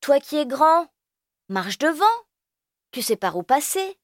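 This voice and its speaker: A woman's voice: sits high, big pitch swings, measured pace, no room sound, studio quality, pitched above the performer's own voice. A woman voicing an eager, brave little boy.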